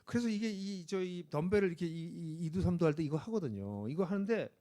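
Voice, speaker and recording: Middle-aged male preacher, animated storyteller, fairly high voice that swings widely, rising to emphatic calls. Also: brisk. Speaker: pastor. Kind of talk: sermon. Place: church sanctuary.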